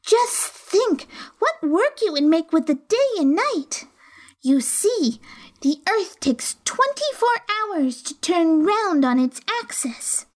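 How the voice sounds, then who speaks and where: Lady doing a timid little girl, high and polite, slow careful words, storybook. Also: very animated, heavily acted. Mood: earnest.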